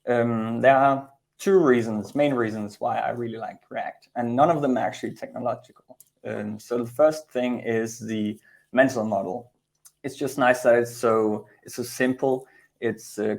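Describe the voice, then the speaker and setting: Over a video call from an indoor room, a Danish Go developer in his thirties gives an informal technical lightning talk at a conference, sounding conversational and slightly hesitant. His medium-pitched voice is a little mellow, with vocal fry.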